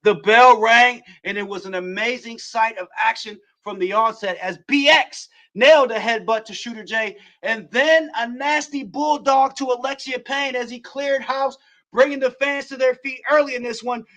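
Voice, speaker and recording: High bright-voiced excitable wrestling host. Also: male voice, normal speed. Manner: excitable, builds to shouts on near-falls. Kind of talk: play-by-play recap commentary.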